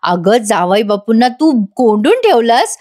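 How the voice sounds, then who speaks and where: A woman voicing a blunt, scolding middle-aged mother in a serial recap, in a fairly high voice. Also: big pitch swings, measured pace, a little mellow.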